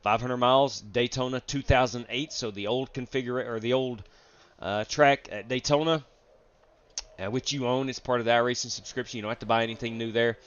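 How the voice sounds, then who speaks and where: A man hosts a live sim racing stream while sick and drained, chatting casually with viewers and greeting people from chat as he rambles with fillers. His mid-range voice is fairly even in intonation and a little fast, heard through dull, dry, lo-fi stream audio.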